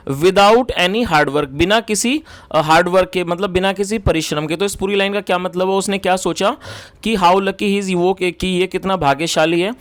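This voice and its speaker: A man's voice: high-pitched, normal speed, a bit bright. A man explaining English story sentences word by word in Hindi, as a language teacher, with frequent fillers and restarts.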